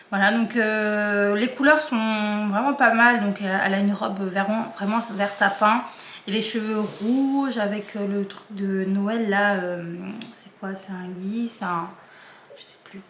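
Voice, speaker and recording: A woman's voice: mid-range voice, a bit bright, reverberant, a little hiss or hum. A woman vlogger chatting casually and hesitantly, with many fillers and restarts. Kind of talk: casual chat.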